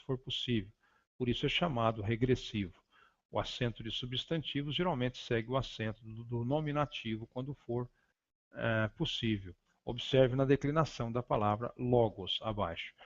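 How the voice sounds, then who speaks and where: A man at an ordinary mid pitch teaches a grammar class, working slowly and deliberately through each point. He hesitates often and restarts words as he reads from his slides. The recording sounds dull and lo-fi. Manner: slow, deliberate, spelling out words with frequent hesitations. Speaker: Greek teacher. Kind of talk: grammar lesson reading from slides.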